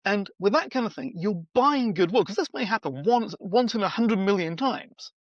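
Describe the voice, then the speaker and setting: On a podcast interview, a middle-aged guest expert talks at normal speed in a high voice, lively and performing quoted lines with playful voices. The sound is slightly dull and dry, with no room sound.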